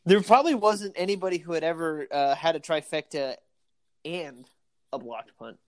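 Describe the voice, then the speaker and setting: A man co-hosting a casual sports podcast, excitable and laughing often, tired from an early morning. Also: on the high side, moderate pace, no room sound. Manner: excitable, laughs often, acts out quoted exchanges. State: tired, yawning. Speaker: podcast co-host.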